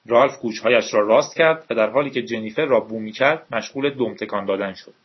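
Husky man reading a novel aloud. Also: lowish voice. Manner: steady, measured storytelling. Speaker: audiobook narrator. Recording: dull lo-fi recording.

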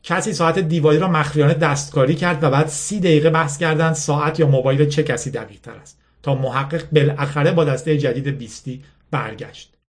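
A man reads a novel aloud in a somewhat high voice. He lifts his pitch for the characters' lines and now and then stops to explain a word in plain talk. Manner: reads dialogue with lifted pitch, pauses to explain terms. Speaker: narrator.

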